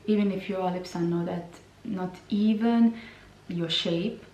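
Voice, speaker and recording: A woman reviewing lip products in a slow, hesitant way, often repeating her words. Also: on the low side, steady tone, warm tone, lo-fi sound. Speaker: beauty vlogger. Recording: roomy sound from a distance.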